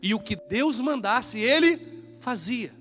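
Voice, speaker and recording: A man preaching a sermon as pastor in a church, animated and acting out dialogues. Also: very high voice, takes it slowly. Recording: echoey church hall with faint music.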